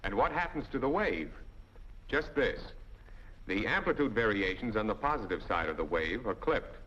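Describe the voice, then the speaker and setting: Heard on a dull 1940s film soundtrack, an American training-film narrator works through scripted instructions step by step in a didactic manner. His fairly low, fairly bright voice has a sing-song lilt at a moderate pace.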